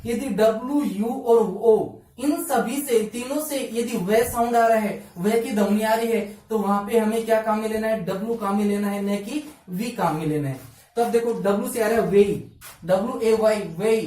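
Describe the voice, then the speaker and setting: A woman with a fairly high, mellow voice teaches a phonetics lesson for exam prep. She keeps asking questions and answering them herself. She is heard from some distance in an echoey room. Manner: drills with repeated questions and answers.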